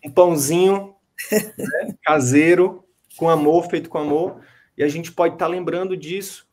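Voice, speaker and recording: A man's voice: a little high, fairly even intonation, measured pace, a little mellow. Emphatic motivational man on a video call. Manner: emphatic, motivational, repeats key phrases. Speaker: mentor. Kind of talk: online coaching consultation.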